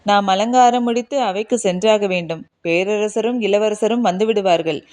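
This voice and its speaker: A woman reading the lines of a young lady's companion in a storybook, soft-spoken yet firm. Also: medium pitch, moderate pace, lightly acted. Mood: quietly firm.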